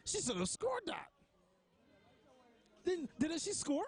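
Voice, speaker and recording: A man with a Barbadian accent doing live, chatty commentary on a futsal match, breaking into excited shouts at big chances. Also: very high-pitched, slow, creaky.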